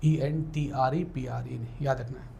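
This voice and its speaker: Guy with doing a spelling class, lots of ok? and clear?, spells words out, a bit of hiss behind. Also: mid-range voice, fairly even intonation, a little slow, mellow. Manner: explains in Hindi, switches to English for definitions and spells words letter by letter; keeps checking in with the class. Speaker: English teacher for law entrance exams. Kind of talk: classroom lecture with spelling drills.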